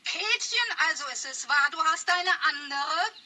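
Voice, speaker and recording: An actress playing the poet's scorned young girlfriend, sharp and indignant. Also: high-pitched, lively intonation, a little slow, a little hiss or hum, heavily acted, rough recording. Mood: furious. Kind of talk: radio play for language learners.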